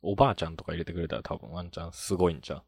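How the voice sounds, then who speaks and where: A man's voice: low-pitched, very fast, gravelly, darkish tone, breathy edge, dry recording, studio quality. A man from Oita co-hosting a casual podcast chat, blunt and teasing toward his partner. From Oita, Japan. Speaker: podcast co-host.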